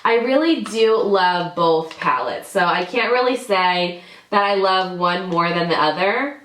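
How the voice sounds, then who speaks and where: Her voice is fairly low, animated and unhurried with a fairly bright tone, and a bit of hiss or hum underlies it. She's a thirtysomething beauty YouTuber, slightly nasal while getting over a cold, reviewing products to camera with chatty enthusiasm and repeating words for emphasis. The echoey home room is fitted with drawer units.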